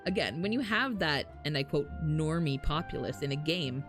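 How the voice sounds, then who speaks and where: At normal speed and low pitch, a woman chats animatedly with her stream viewers while gaming. She drops casual swears now and then and chuckles as she speaks, over faint game music and character voice lines.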